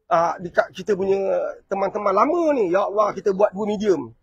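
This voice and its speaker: A man's voice: high voice, lively intonation, brisk, slightly rough, dull audio. A man with a Malaysian Malay accent, giving a fiery family-themed preaching talk full of rhetorical questions. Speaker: motivational family speaker.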